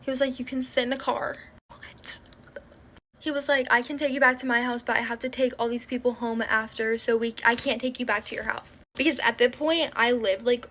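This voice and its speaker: A young woman with a high, bright voice tells a personal story in a chatty storytime vlog. She fills her sentences with "like" and acts out what everyone said as she goes. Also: slight background noise. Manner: chatty, filler-heavy with frequent "like"; animated retelling with quoted dialogue.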